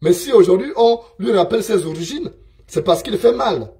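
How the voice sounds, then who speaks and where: A man's voice: sits high, animated, moderate pace, dark tone. A man from Gabon, giving a scornful, emphatic political monologue full of repeated phrases.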